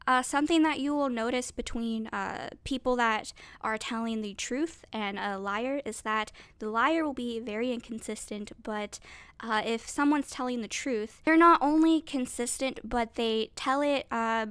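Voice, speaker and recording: A woman with a stuffed-up, nasal voice from a cold, pitched a little high and coming through clean and smooth. She rambles through unscripted commentary, recorded dry and close with no room sound. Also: unhurried, a bit bright, dry recording. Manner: rambling, conversational. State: sick with a cold. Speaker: online content creator.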